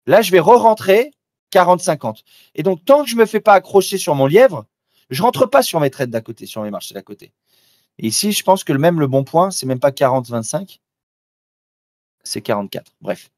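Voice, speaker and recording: A man's voice: on the high side, sing-song, normal speed, darkish tone, dry recording, clean studio sound. A man doing live trading commentary, talking informally and directly to the listener with frequent restarts. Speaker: trader presenting a live trading demo.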